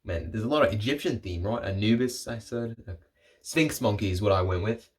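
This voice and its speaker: A man's voice: fairly low pitch, fairly quick. A young man talking in a rambling, jokey way, making casual solo commentary for his video channel and often breaking off his own sentences. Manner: rambling, jokey, self-interrupting. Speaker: vlogger.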